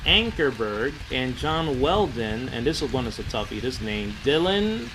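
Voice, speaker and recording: A man slowly reading from a booklet, pausing to spell out words letter by letter and stopping to say "it says over here.". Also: mid-range voice, sing-song, background noise. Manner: repeats "it says over here" and fills pauses with "uh". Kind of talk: slow read-aloud commentary.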